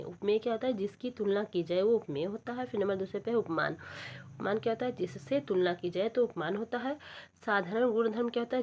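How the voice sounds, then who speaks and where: A woman speaking teaches an exam prep lesson. She keeps asking a question and answering it herself. She slows down to recite lines of verse. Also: mid-range voice.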